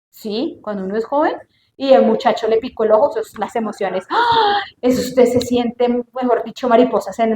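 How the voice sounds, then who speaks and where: High-voiced woman preaching. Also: echoey room, slight background noise. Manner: animated, asks the audience questions, acts out quoted voices. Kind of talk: sermon.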